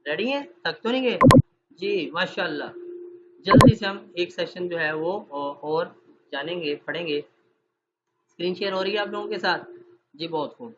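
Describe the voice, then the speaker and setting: A man teaching an online Quran recitation class with a dry throat from fasting. He explains through examples and asks his students questions. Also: high voice. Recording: dull, slightly noisy online call audio.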